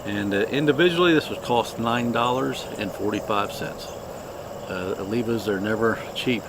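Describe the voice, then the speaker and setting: A man with a fairly low voice talks casually as a review host. His delivery is plainspoken and unhurried, with halting stretches. The recording is clearly noisy, with insects and ambient sound behind him. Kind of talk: casual product review chat.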